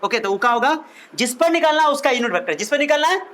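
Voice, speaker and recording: A man's voice: extremely high pitch, animated, fast, pushed and bright. A male physics teacher giving a classroom lecture, playful and teasing, repeating questions back to his students.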